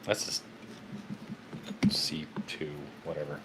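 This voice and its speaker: A man's voice: very deep voice, steady tone, slow pace, a bit bright, a little hiss or hum. A man bantering and joking in a garage while he works on a truck, cursing when parts won't fit. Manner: joking, cursing at his work. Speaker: guest co-host. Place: home garage. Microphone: host's phone on tripod.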